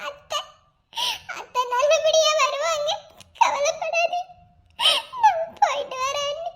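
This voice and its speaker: A woman's voice: very high voice, fairly even intonation, takes it slowly, fairly bright tone, full character voice. A woman voicing a young woman who pleads and cries as she blames herself and leaves, in a cartoon drama. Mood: tearful. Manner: tearful, pleading. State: crying. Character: young woman leaving in tears, self-blaming.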